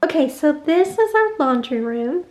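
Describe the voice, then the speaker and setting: A woman's voice: sits high, expressive, measured pace, darkish tone, faint music behind. A young woman chatting casually to viewers, explaining each step of her routine at home. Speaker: vlogger. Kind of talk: casual vlog walkthrough. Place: at home, narrow laundry room and kitchen. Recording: echoey room.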